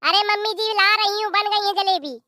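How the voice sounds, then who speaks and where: Cartoon daughter-in-law, voiced by an actor, young woman, sarcastic, high bright voice. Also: a little fast, no echo, studio quality. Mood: tart. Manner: sarcastic, tart.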